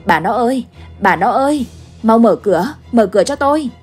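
A frightened elderly village man from a spoken ghost story, as a woman narrator puts him on, anxious and pleading. The voice is husky and breathy, with soft music faintly underneath. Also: medium pitch, expressive, moderate pace. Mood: desperate. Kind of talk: storybook ghost tale acting.

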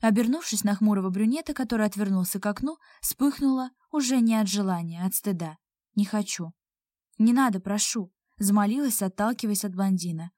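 A woman's voice: medium pitch, brisk, few pauses, dark tone, no echo. Woman reading an audiobook, dry close sound. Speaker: audiobook narrator. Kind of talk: first-person audiobook narration.

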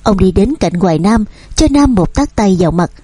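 Husky-voiced woman narrating a novel. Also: medium pitch, moderate pace, no room sound. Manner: steady storytelling. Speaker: audiobook narrator. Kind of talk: novel reading.

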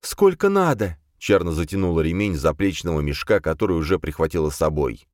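A man narrating a fantasy novel in an expressive storytelling way. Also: very deep voice, fast talker, dry recording, clean studio sound. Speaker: audiobook narrator.

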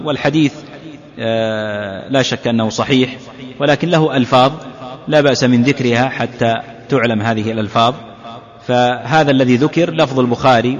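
A male sheikh gives a religious lesson, unpacking a classical text slowly and repeating key points. His voice carries a long hall reverb. The sound is dull and lo-fi, like an old lecture tape. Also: medium pitch. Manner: deliberate, repeats key phrases to drive them home. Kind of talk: religious lesson explaining hadith.

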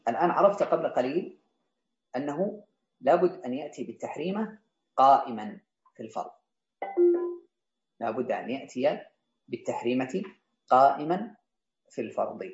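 A man's voice: mid-range voice, lively intonation, a little fast, long pauses. A man teaching a classical legal text, reading out each line and then restating and explaining it for his students. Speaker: teacher of Islamic jurisprudence. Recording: roomy, slightly dull sound.

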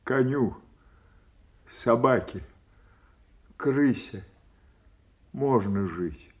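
An actor playing a frail, confused old king stricken with grief, speaking haltingly with long pauses in classical stage style. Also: medium pitch, lively intonation. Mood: grieving, anguished. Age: older. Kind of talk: classical theatrical audio drama acting.

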